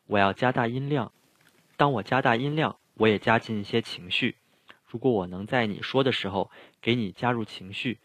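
A man's voice: lowish voice, no echo. A middle-aged man preaching, earnestly explaining things and speaking straight to his listeners. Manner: earnest, explanatory, addresses the audience directly. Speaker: pastor. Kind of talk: sermon teaching.

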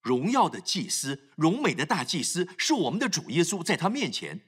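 A man's voice: fairly high pitch, very animated, moderate pace, fairly bright tone, slightly rough. A man preaching a sermon, emphatic, acting out scripture scenes as he talks.

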